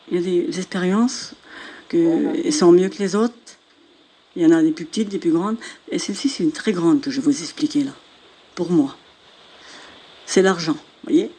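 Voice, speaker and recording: A woman's voice: fairly low pitch, husky. An older woman from northern France gives a spoken religious testimony and acts out the dialogue as she tells it. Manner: animated storyteller, acting out dialogue. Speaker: church testimony speaker.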